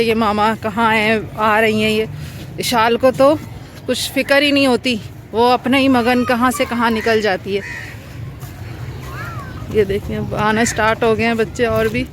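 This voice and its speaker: A Pakistani mother with a Pakistani Urdu accent and a high-pitched voice, narrating a casual vlog from an outdoor city park. She coaxes and gently scolds her children between remarks to the camera. Heavy outdoor noise sits under her voice. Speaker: mother vlogger. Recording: noisy outdoor park recording.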